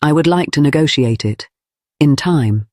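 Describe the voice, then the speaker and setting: A man reading the part of a composed, candid Regency gentlewoman in an audio story, careful, deliberate and formal. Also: on the high side, lively intonation, no room sound, clean studio sound, natural voice.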